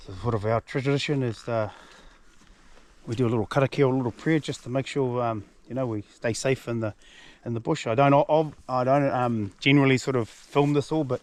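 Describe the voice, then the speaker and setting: A man's voice: mid-range voice, fairly even intonation, brisk, darkish tone. A man with a broad New Zealand accent talks as the host of a hunting vlog, in a laid-back, slangy, matey way. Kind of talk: casual outdoor vlog talk and narration. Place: outdoors in a mountain valley.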